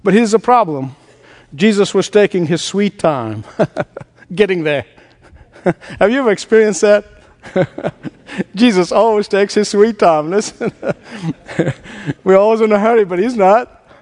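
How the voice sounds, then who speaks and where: A male preacher giving a sermon in an animated way, laughing often and quoting scripture. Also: high voice, unhurried, long pauses, in a large hall.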